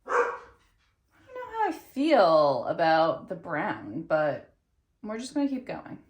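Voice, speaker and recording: A woman's voice: on the low side, huge pitch swings, slow, roomy sound. A woman sewing at home, thinking aloud in a casual, unsure way and trailing off. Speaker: sewing vlogger. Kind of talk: casual muttering while sewing.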